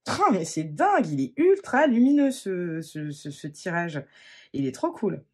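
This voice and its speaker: A tarot card reader giving a spontaneous reading, talking gently and haltingly, with many restarts and fillers. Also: medium pitch, sing-song, slightly rough.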